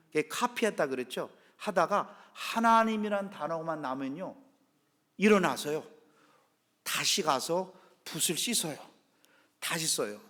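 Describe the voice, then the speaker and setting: A male pastor delivers a Sunday sermon in an animated way, constantly asking the congregation questions. His voice sits fairly high for a man. The sound carries the long reverb of a church sanctuary.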